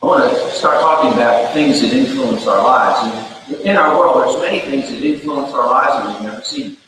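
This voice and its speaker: A pastor preaches a sermon with a joke, telling stories in a folksy, conversational way inside a church sanctuary. His medium-pitched voice moves at a normal speed, picked up from far off in the echoey hall with background noise.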